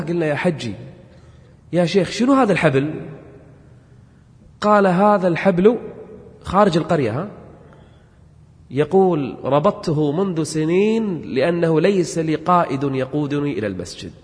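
A man preaching a sermon, telling stories and building to forceful, repetitive exhortation. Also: a little high, expressive, normal speed, pauses often. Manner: impassioned, repeats phrases and builds to forceful exhortation. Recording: long reverb of a large hall.

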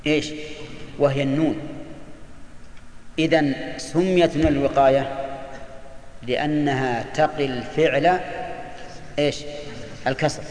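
A man teaching an Arabic grammar lesson. He repeats the key terms slowly and puts quick check questions to his students. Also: a little high. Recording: echoey hall with long reverb.

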